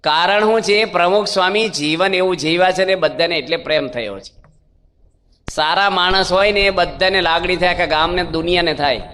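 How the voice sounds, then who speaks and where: A man's voice: high voice, normal speed, pushed and bright. A man giving a sermon, telling stories with quoted dialogue and asking rhetorical questions. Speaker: swami giving a religious discourse. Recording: long hall reverb.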